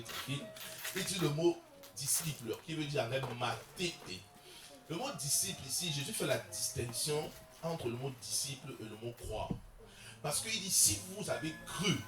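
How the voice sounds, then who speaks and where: A man preaching a sermon as pastor, calling out to the congregation and rising to loud bursts. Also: medium pitch, distant mic. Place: large church hall, voice from the PA. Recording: roomy echo from afar.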